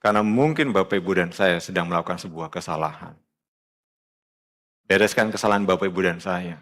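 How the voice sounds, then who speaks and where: Male pastor, sermon; colloquial, direct address, shifts between quiet earnest and raised emphatic exhortation. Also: a little fast. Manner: emphatic, swings from low earnest tones to loud raised exhortation. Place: church.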